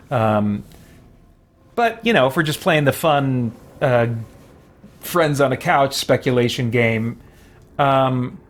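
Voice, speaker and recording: A man with a medium-pitched voice live-streams a game, speaking casually and haltingly as he thinks aloud and reads out viewer comments.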